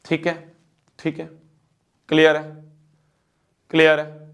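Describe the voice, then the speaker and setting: Young guy teacher, bit high voice, keeps repeating stuff and asking if it's clear. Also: completely flat delivery, takes it slowly, a bit bright. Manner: repeats phrases, checks if students follow. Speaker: math teacher. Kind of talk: exam-prep math lesson.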